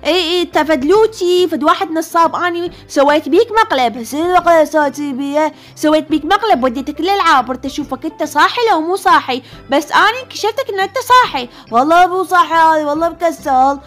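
A woman with an Iraqi Arabic accent talks through her game in a very high, quick and chatty voice. She teases and scolds in a playful way as she plays. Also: expressive, fairly bright tone. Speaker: gaming video host. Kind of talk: casual let's-play commentary.

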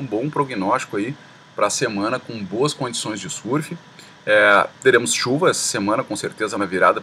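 A man hosting a surf forecast voice-over, relaxed and slangy, talking to viewers as a crowd of friends. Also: fairly low pitch, a little hiss or hum. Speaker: surf report host.

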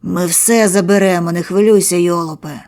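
A woman's voice: fairly low pitch, steady tone, fairly quick, darkish tone, close to an everyday voice. A woman voicing a violent male thug partner with a harsh, mocking way of talking.

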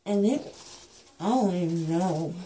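A woman's voice: lowish voice, expressive, a little slow, dark tone, a little hiss or hum. A young woman, dazed and groggy, rambling in casual chat as she comes out of anesthesia. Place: small indoor room, lying on a pillow. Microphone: phone held near, off the speaker.

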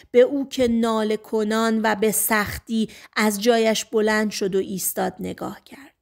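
A woman's voice: fairly high pitch, creaky. Woman narrating an audiobook dramatically. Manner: dramatic, hushed at tense moments. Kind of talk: scripted narration.

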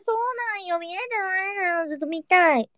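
A young woman streaming, chatting casually with her viewers and reading their comments, playful and quick to joke, sometimes dropping into a whisper. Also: very high-pitched, pushed and bright, no room sound, studio quality. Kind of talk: casual livestream chat.

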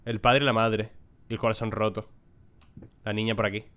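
A man's voice: lowish voice, flat delivery, normal speed, a bit bright, smooth. A man, giving casual let's-play commentary on a horror game, chatting to his viewers and swearing freely. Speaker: gaming YouTuber.

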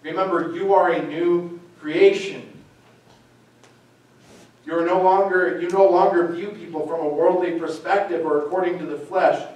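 A man's voice: high voice, fairly even intonation, moderate pace, a little mellow. A young man preaching a sermon to his congregation in an earnest way, with wry asides about his own jokes. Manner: earnest, self-deprecating asides. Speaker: pastor. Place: church sanctuary. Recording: echoey church from far off, faint noise.

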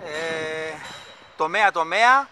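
A chatty man with a fairly high voice narrates a casual vlog outdoors. He rambles enthusiastically on a handheld camera mic. Machinery and site noise run clearly behind him. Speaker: vlogger filming a stadium construction site. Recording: loud construction site noise.

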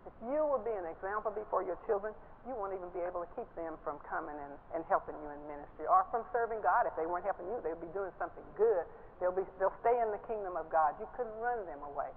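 An older woman preaching a sermon from a church stage, lively and laughing as she stresses her points. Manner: animated, laughing, rising pitch when stressing points. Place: large church stage, indoors. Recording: tinny phone-like broadcast sound with faint hiss.

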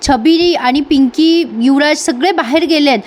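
A woman's voice: high voice, a little slow, a little mellow. A woman voicing a bewildered young man questioning his frightened mother. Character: anxious young adult son, bewildered.

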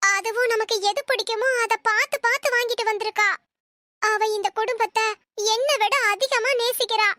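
A woman's voice: very high-pitched, brisk, bright, forceful tone, slight background noise. A woman voicing a worried, emotional middle-aged mother in a Tamil cartoon, pleading and tearful in how she talks. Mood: grieving.

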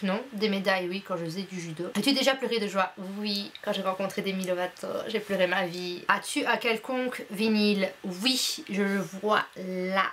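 A woman's voice: mid-range voice, a bit bright, a little hiss or hum. A young woman from Belgium, chatting bluntly and playfully as she answers a casual vlog questionnaire from her bedroom, full of fillers. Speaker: YouTuber.

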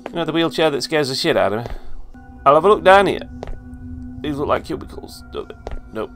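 A man's voice: a little high, lively intonation, a little fast, a bit bright, soft background music. A man commentating a horror game playthrough, jumpy, sweary and joking to himself. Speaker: gaming video host.

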